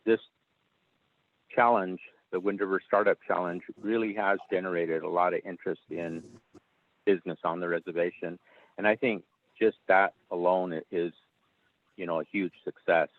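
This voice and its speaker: Low flat man over a tinny phone line. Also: no room sound. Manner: hesitant, many ums and uhs. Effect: heard over a phone line. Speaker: announcer of competition winners. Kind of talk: announcing winners on a conference call.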